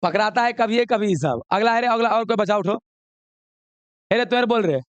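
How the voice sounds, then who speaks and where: A man's voice: high voice, brisk, no echo, muffled recording. A man teaching a chemistry class, coaxing and scolding students while mixing with English. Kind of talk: classroom lesson.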